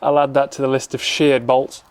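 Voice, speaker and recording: A man's voice: mid-range voice, level tone, moderate pace, heavy background noise. Man giving casual hands-on repair narration. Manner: informal, explaining step by step. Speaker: presenter of a car repair vlog.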